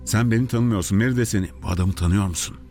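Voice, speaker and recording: An anxious father and radio host, played by a male actor, pleads in a low, strained voice. He tries to placate a hostage-taker in a dubbed thriller, with music underneath. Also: racing, darkish tone, close to an everyday voice. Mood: frightened, exasperated. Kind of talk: dubbed film thriller acting.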